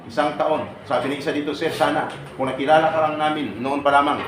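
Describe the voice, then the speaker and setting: A man's voice: a little high, fairly even intonation, fast, a bit bright. A man giving an earnest seminar talk to an audience, often checking in with rhetorical questions. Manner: earnest, rhetorical, keeps asking "no?" and "tama?". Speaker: OFW assistance advocate. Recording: echoey room with faint background noise.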